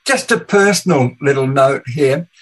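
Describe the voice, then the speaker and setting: A man's voice: mid-range voice, animated, moderate pace, rough recording. A male podcast host with a mixed English and Danish accent, chatting casually and musing aloud. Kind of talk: casual radio chat.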